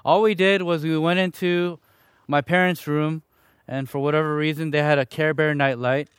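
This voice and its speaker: A man's voice: fairly high pitch, fairly even intonation, moderate pace, smooth, dry recording, studio quality. A young man from Chicago giving his personal testimony to a church gathering in an earnest, conversational, self-deprecating way. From Chicago, Illinois, USA.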